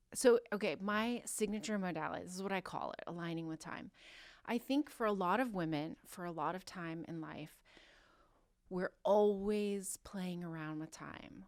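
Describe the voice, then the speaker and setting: A woman's voice: on the low side, smooth, dry recording, clean studio sound. A woman in her forties, a health coach and author, speaking earnestly and with self-assurance as a podcast guest. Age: 40s. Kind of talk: casual podcast interview.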